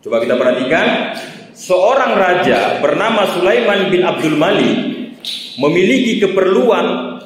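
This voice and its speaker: A man's voice: high voice, very animated, a little slow, a little hiss or hum. A man, a religious teacher, giving a sermon as a story, with rhetorical questions and frequent tag words. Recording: echoey hall reverb.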